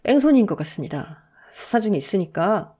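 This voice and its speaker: A woman's voice: mid-range voice, big pitch swings, warm tone, slightly rough. Woman doing a formal official caller. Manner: formal and brisk.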